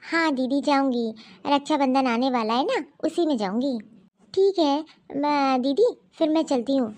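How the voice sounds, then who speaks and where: A woman voicing a humble, hardworking housemaid in an animated cartoon story, speaking politely and deferentially. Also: high-pitched, moderate pace, lightly acted.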